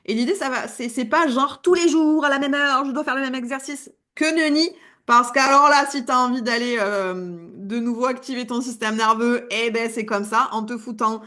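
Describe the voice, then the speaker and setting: A woman's voice: a little high, normal speed. Playful chatty woman coach. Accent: non-standard French accent. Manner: lively, playful and chatty, laughs at herself. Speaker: wellness coach. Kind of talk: casual video lesson.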